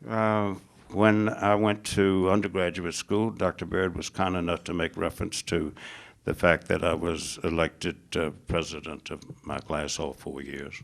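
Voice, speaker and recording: Gravelly, low-voiced American man giving a lecture. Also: level tone, a little slow. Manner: emphatic, builds lists with rising pitch; frequent "uh" fillers. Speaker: foreign policy lecturer. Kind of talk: public lecture.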